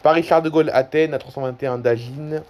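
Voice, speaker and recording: A man's voice: a little high, fairly even intonation, quick pace, dull audio. Rambling man narrating his screen. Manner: rambling, hesitant, self-correcting. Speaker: YouTuber. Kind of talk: casual screen-recording commentary.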